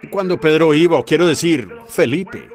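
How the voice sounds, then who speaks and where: Impassioned male preacher, lively pitch. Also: moderate pace. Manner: impassioned, exclaiming preaching with rhetorical questions. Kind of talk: fervent sermon. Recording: congregation noise behind.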